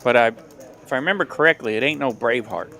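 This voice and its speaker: A man calling poker hands play by play on a live stream, quick and upbeat. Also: mid-range voice, pushed and bright. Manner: quick, upbeat hand-by-hand calls.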